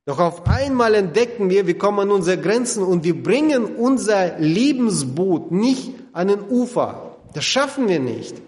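A man preaching a sermon in a lively storytelling way, acting out quotes and swinging between loud and soft. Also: high voice, normal speed. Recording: long hall reverb.

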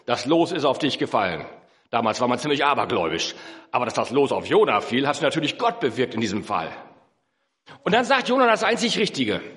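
A man preaching a sermon, swinging between emphatic high peaks and low, slow earnest passages. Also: fairly bright tone. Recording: echoey hall.

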